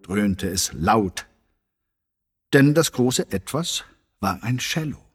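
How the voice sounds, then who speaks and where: Man narrator for a kids' storybook, low voice, very clear, slow and expressive. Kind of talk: reading a children's story aloud.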